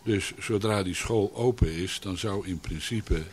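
A man answering questions on a local radio show as a municipal official, speaking haltingly with many pauses and restarts. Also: low voice, slight background noise. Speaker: local alderman as radio guest.

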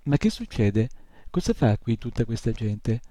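A man's voice: mid-range voice, sing-song, a little slow, warm tone, no echo. A man voicing a small male nightmare imp who whimpers and stammers in dismay. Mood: whimpering dismay. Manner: whiny, stammering "uh, uh".

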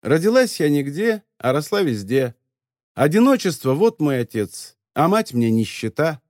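A man reading an audiobook, voicing an impudent ragged young girl in a high, mocking voice. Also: sing-song, normal speed, a little mellow, no echo, clean studio sound. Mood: mock tragic. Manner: mocking, impudent, squeaky put-on.

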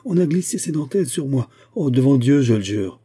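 A man's voice: mid-range voice, normal speed, dark tone, slightly rough. A man reading aloud, voicing a proud aristocratic countess who answers with imperious indignation. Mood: outraged. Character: haughty aristocratic countess caught shoplifting, indignant.

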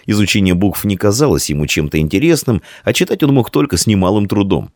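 A man with a very deep voice reads a story aloud. His delivery is measured but lively, with a lot of rise and fall. The recording is dry and close. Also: no room sound. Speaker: narrator. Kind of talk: audiobook narration.

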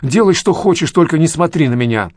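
A man's voice: a little high, expressive, fairly quick, no room sound, studio quality, voice pushed up. A man voicing a spiteful, vengeful woman who speaks in a bitter, accusing way, in an audiobook. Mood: pleading.

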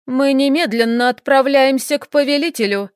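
Narrator putting on a proud dragoness mother: higher, forceful, commanding, in a dry storybook read. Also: normal speed, dry recording, lightly acted. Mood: cold. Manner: raised, sharp and commanding. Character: cold, furious noble dragoness mother.

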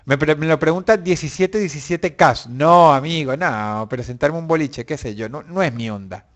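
Guy chatting live w viewers, kinda high voice, swears a lot, yells now and then. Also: normal speed. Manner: animated, profane, bursts into shouts. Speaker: online show host. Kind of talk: casual live chat with viewers.

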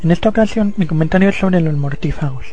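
Male listener, higher mellow voice, faint music. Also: fast talker, highs cut off, a little hiss or hum. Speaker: listener sending a comment. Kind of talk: read-out voice message.

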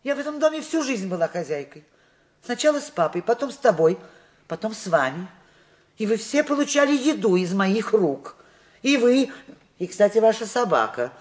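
A woman's voice: medium pitch, very animated, normal speed, lightly acted. An actress playing an ironic, proud old mother-in-law in a drama, with a theatrical, wry way of talking. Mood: wounded, indignant. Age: older. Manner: wry, theatrical, repetitive interjections. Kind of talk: naturalistic stage or film drama acting.

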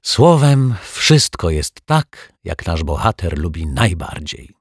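A man narrating a children's story with lively, expressive storytelling. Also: a bass voice, takes it slowly, slightly rough, dry recording, clean studio sound. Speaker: audiobook narrator.

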